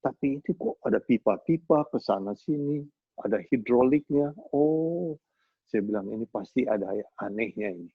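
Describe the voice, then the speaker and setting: A middle-aged man preaching at a Bible study in a husky, breathy voice. He tells homely stories in a folksy, animated way. The sound is dry and thin like a phone line. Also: lowish voice, fairly quick, no echo. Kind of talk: sermon with storytelling.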